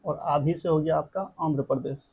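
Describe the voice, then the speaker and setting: A man's voice: on the high side, fairly even intonation, normal speed, background noise. Man teaching a memory trick. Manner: drills the class with repeated chanted phrases; keeps checking in with the class, asking if they follow. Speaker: exam coaching teacher.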